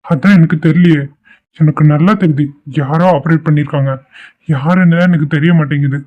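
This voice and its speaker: A man's voice: fairly high pitch, fairly even intonation, brisk, lightly acted. A man voicing a worried young office worker in a cartoon who fears his work is lost. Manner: distressed, fretful. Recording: dull lo-fi cartoon audio.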